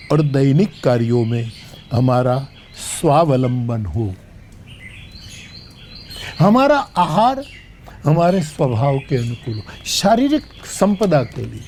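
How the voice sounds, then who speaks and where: An older man from Gujarat, giving a devotional discourse in measured storytelling with sung verses. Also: a little high, a little mellow, a little hiss or hum. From Gujarat, India. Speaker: spiritual storyteller.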